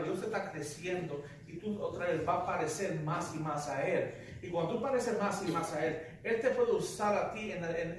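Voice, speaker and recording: In a church sanctuary, a man with a high-sitting voice preaches a sermon as pastor, emphatic and full of rhetorical questions. The recording has slight background noise and was made in an echoey hall with a distant mic.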